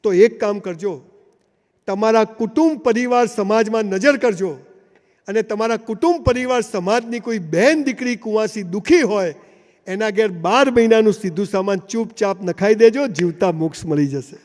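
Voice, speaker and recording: Man, motivational speaker, high voice, storytelling, long hall reverb. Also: moderate pace, a little mellow. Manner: storytelling with acted dialogue, rising to emphatic calls. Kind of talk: motivational speech to a live audience. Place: large hall, before a seated audience.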